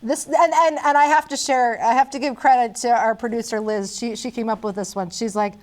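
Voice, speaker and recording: A woman's voice: fairly high pitch, fairly even intonation, a little fast. A woman hosting a show in a casual, chatty way, often repeating words and restarting as she talks. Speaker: show host.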